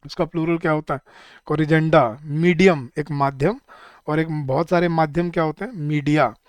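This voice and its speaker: A man's voice: fairly high pitch, moderate pace, no echo. A man teaching an exam-prep grammar lesson, listing word pairs and quizzing his students. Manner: lists word pairs, quizzes students, calls them guys. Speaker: English teacher.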